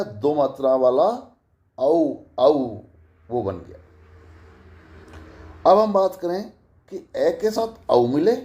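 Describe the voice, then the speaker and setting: Slow, mellow male grammar teacher. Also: on the high side. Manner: slow, repeats each example and asks rhetorical questions. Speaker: Hindi college teacher. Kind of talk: grammar lecture.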